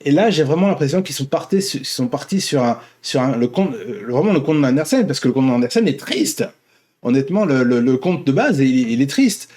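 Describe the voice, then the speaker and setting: This vlog host speaks a little fast in a mid-range, dark-toned voice that is very animated. Off the cuff and rambling, he delivers a casual opinion monologue, often saying things twice or putting them another way.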